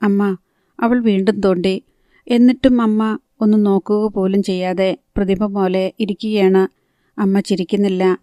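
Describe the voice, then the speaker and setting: A woman narrating a novel as an audiobook, in a steady, even storytelling read. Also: mid-range voice, measured pace, no room sound.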